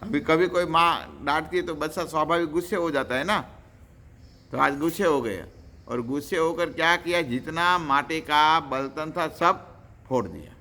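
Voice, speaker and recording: A man's voice: a little high, moderate pace, sharp tone. A man preaching a devotional lecture, telling stories animatedly, acting out characters and chanting verses.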